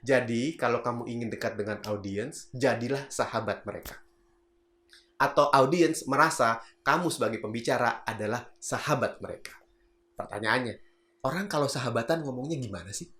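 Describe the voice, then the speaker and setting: A man's voice: medium pitch, normal speed, fairly bright tone. A man teaching public speaking in a casual, chatty video lesson. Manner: chatty, acts out example voices, laughs at own jokes. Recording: roomy echo.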